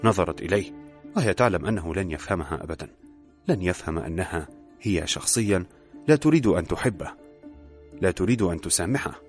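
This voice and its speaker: A man narrating a romantic story aloud in a steady, measured reading. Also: deep voice. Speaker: audiobook narrator. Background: soft music.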